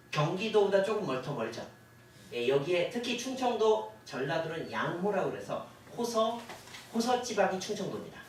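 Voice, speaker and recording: Lively man lecturing in an echoey hall. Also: fairly high pitch. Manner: asks the audience questions, acts out quoted officials. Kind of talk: history lecture to a class. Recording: echoey hall, voice from far off, faint hiss.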